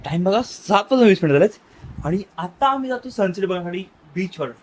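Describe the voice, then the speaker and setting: A young man in a casual family vlog, teasing his child playfully and dropping to quiet asides for the camera. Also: high voice, expressive, fairly quick, slight background noise. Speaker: vlogger.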